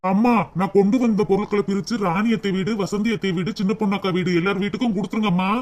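A man's voice: high-pitched, fairly even intonation, fast, noisy background, natural voice. A man voicing a grown village son back from work abroad, homesick and fond of his family. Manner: warm, homesick.

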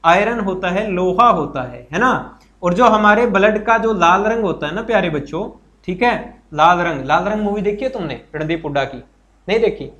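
A man's voice: sits high, expressive, normal speed, a bit bright. A man teaching a live online exam-prep class, chatty and encouraging, who repeats each point, quizzes his students and answers their comments. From Haryana, India. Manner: greets viewers and reads their comments aloud.

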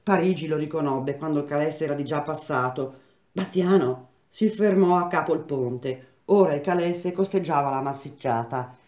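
A woman reading a novel aloud in a steady, measured storytelling voice. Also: deep voice. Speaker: reader. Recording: roomy echo.

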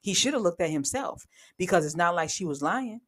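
A woman giving blunt, sarcastic, heavily profane commentary on reality TV gossip, speaking with sudden animated outbursts. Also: on the low side, fairly quick. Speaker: commentary vlogger.

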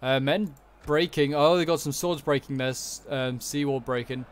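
A man's voice: mid-range voice, normal speed. A man giving casual commentary on a strategy game battle, thinking aloud as he watches. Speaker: gaming commentator. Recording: noticeable background noise, game ambience. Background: video game battle ambience.

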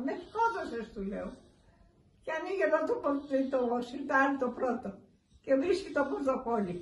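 A woman in her eighties giving a rambling, vivid news interview at home, acting out the dialogue as she retells what happened. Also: sits high. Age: 80s. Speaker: interviewee, burglary victim. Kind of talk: recounting events in a news interview. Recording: echoey room, distant mic, faint ambience.

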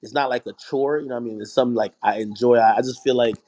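A man's voice: mid-range voice, steady tone, rapid-fire, a little mellow. A young man from Jamaica, a hip hop media host, talking in a casual group voice chat, rambling with many restarts and "you know what I mean" fillers. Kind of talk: casual audio chat room conversation.

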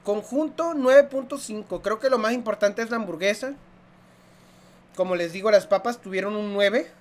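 A man's voice: high voice, moderate pace. Young Mexican-accented man, food vlogger, jokey and foul-mouthed, chewing and humming between bites. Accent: Mexican Spanish. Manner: joking, slangy and profane, chews between lines. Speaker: food reviewer. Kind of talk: casual eating review vlog.

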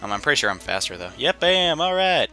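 This young man's let's play commentary is fast and sing-song, with a mid-range voice and a sharp tone. He rambles casually and pokes fun at himself, using many fillers, as game music plays underneath.

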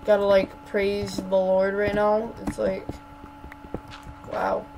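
A woman talks over her gameplay as a channel host, stammering and repeating herself as she rants in exasperation. She speaks slowly, at an ordinary middle pitch. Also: level tone, noisy background. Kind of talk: gameplay commentary.

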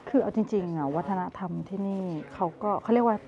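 This travel vlogger, a woman in her thirties, has a mid-range voice and a quick pace as she browses a market and tastes snacks. She talks chattily to viewers, commenting as she goes, in a casual food vlog. The outdoor clip, shot handheld at arm's length, is muffled with street noise.

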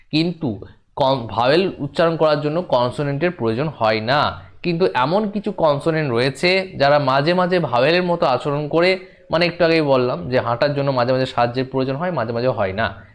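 A man giving a demo class to students, explaining slowly and repeating each point as he speaks to them directly. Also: a little high. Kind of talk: classroom lesson.

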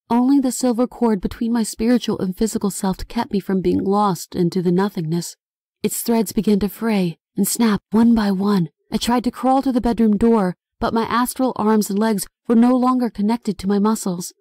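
A woman narrating her own horror novel with a mellow, relaxed tone and a dramatic, expressive delivery. The recording is close and dry, with no room sound. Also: mid-range voice, no echo. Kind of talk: scripted audiobook narration.

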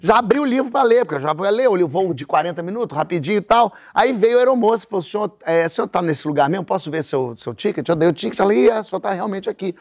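A man's voice: sits high, fast, few pauses. A Brazilian man, a talk show host, telling a comic anecdote and acting out the people in it. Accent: Brazilian Portuguese. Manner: animated anecdote telling with voiced characters.

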